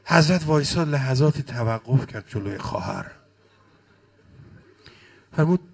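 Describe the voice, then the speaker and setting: His voice is husky, animated, and slightly high as he preaches a sermon of mourning. He chants the phrases, and his impassioned delivery surges and falls with emotion.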